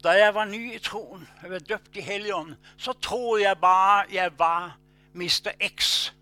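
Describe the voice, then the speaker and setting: Male preacher, high bright voice, storytelling sermon, loud bursts then quiet asides, faint music under. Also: no room sound.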